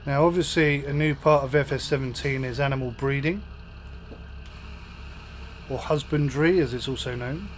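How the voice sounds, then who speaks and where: Pausing often, a medium-pitched British man offers casual commentary on a farming game let's-play, speaking at a moderate pace. The gaming channel host is relaxed and chatty with viewers, his voice slightly off from an oncoming flu, over faint game engine noise.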